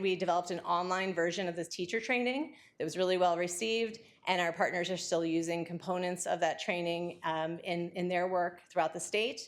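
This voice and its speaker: A woman giving an academic lecture, talking quickly and excitedly with frequent fillers and restarts. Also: lowish voice.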